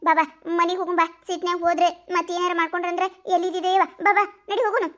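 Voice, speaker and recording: A woman's voice: extremely high pitch, little pitch movement, racing, fairly bright tone. A woman with a North Karnataka Kannada accent voicing village women in a cartoon comedy, scolding and wailing. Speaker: voice artist for village cartoon characters.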